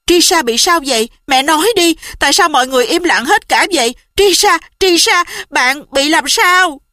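A woman's voice: high voice, expressive, moderate pace, bright, forceful tone, no room sound, studio quality, voice pushed up. A woman voicing an anxious young boy. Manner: anxious, pleading questions. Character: worried young boy, the dog's owner. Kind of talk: audiobook character voice.

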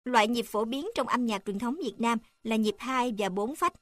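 A woman's voice: fairly high pitch, moderate pace, no room sound. Woman reading a textbook, dry and close. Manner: even, formal reading with section numbers read aloud. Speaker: narrator reading a text on music.

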